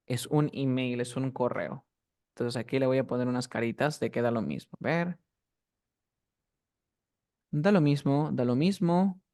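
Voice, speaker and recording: A man's voice: medium pitch, a little mellow. Patient male teacher drilling words. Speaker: English teacher. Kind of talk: online class instruction.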